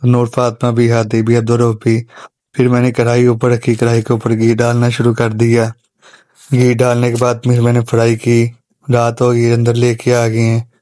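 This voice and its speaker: A man's voice: medium pitch, monotone, moderate pace, warm tone, no room sound. A man narrating a family vlog as a father, plainly recounting the day's events step by step. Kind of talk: voice-over storytelling.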